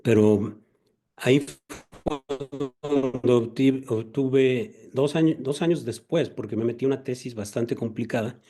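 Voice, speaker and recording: Older man, mellow dark tone, measured and courteous, interview guest. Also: medium pitch. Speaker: guest, poultry veterinarian. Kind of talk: interview, recounting career.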